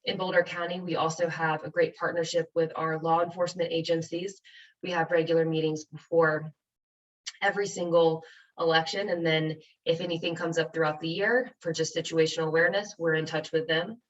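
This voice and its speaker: Woman, low voice, American accent, measured informative webinar talk, distant dull audio. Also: steady tone. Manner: measured, informative, with frequent ums. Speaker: county clerk. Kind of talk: webinar presentation. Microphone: video call.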